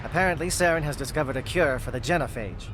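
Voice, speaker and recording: A man's voice: mid-range voice, quick pace, background noise, lightly acted. A man playing a disciplined alien captain in a video game, speaking in a clipped, formal, urgent way. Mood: grave, urgent. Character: brisk, disciplined male alien military captain. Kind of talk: dramatic video game acting.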